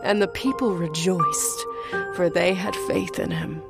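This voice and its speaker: A mystical prophetic storyteller acted by a woman tells a cartoon fable over very loud music. The delivery is slow, solemn and grandiose, sinking into breathy whispers. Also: fairly low pitch. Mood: solemn, foreboding. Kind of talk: theatrical fable narration.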